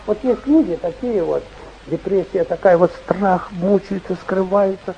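A man's voice: high-pitched, measured pace, vocal fry, mellow, dull audio, a little hiss or hum. An older man, a bishop, preaching in a rambling, repetitive folksy way, heard on an old dictaphone tape recording. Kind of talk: sermon.

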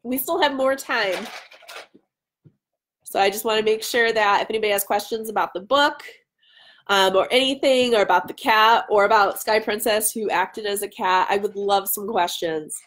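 Answering viewer questions during a live session, this author in her thirties chats casually from her dining room at home, wandering off on self-interrupting tangents. She speaks at a normal speed in a medium-pitched, fairly bright voice, recorded on a webcam held at arm's length.

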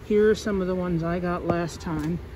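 A woman's voice: on the low side, fairly even intonation, normal speed. A woman giving a casual, chatty vlog tour of a store, her voice muffled by a face mask as she walks around filming. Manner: chatty, apologetic, speaking while walking around filming. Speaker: shopper hosting a store tour video. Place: inside a large store. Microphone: handheld phone camera. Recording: noisy store ambience, phone recording.

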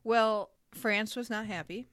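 A woman hosting a podcast, talking in a brisk, chatty way and laughing easily. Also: a little high, steady tone, a bit bright, no room sound, clean studio sound. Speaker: podcast host. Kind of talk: casual podcast chat.

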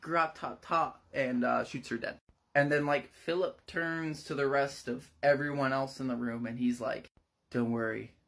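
A podcast host casually retelling a horror novel with animated storytelling and dramatic pauses. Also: mid-range voice.

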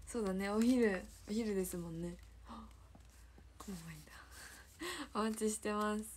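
A woman's voice: medium pitch, unhurried, darkish tone, slight background noise. A teenage girl with a Kansai accent chatting casually on a livestream, giggling often and repeating her own phrases as she reads viewer comments. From Hyogo, Japan. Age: teens. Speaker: idol trainee livestreamer.

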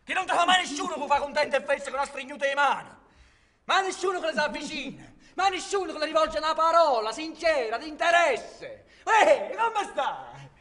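Brief: male actor as a mocking Neapolitan hothead, high and lively, live stage performance. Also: moderate pace, exaggerated voice. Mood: ranting. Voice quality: swings from loud shouting to hushed near-whisper. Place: large theatre stage.

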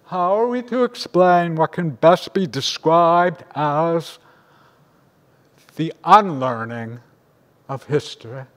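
Slow, grave rabbi in a reverberant hall. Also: male voice, fairly high pitch. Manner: measured, grave and deliberate. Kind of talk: sermon. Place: large synagogue sanctuary. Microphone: lectern microphone on a stand. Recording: long reverb of a large hall.

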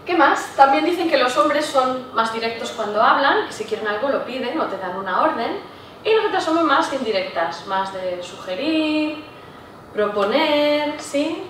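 A woman giving a public talk to a live audience, often checking in with her listeners with a quick "¿sí?". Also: high-pitched, lively intonation, a bit bright, a little hiss or hum. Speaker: lecturer. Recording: echoey room, voice from far off.

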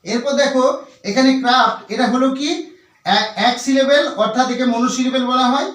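A man with a strikingly high voice teaches a vocabulary lesson, repeating each word and breaking it into letters and syllables. He sounds set back from the microphone in an echoing room. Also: fairly even intonation, fairly bright tone, recorded from a distance. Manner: slow, repetitive, spelling words out letter by letter. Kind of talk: Bengali-language English vocabulary lesson.

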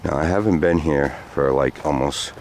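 Man in his forties, extremely low voice, loose rambling storyteller, outdoor walk, faint background hiss. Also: normal speed. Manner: rambling, loose with many fillers. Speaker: vlogger. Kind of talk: walking storytelling vlog. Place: outdoors on sandy trails by woods.

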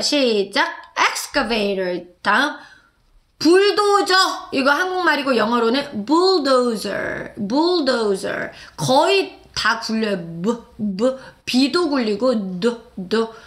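Bright, lively woman teaching English. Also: a little high. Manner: drills words slowly, then chats fast and playful. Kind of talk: live-stream English lesson.

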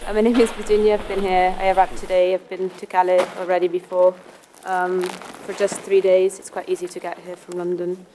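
A woman's voice: lowish voice, flat delivery, a little fast, few pauses, warm tone, a little hiss or hum, poor audio. A woman volunteer speaking thoughtfully in an interview in a large warehouse.

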